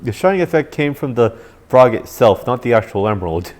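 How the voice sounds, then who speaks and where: A man with a somewhat dopey-sounding voice gives casual, halting playthrough commentary, rambling and repeating himself. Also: mid-range voice, big pitch swings, a little mellow. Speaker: gameplay commentator. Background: video game music.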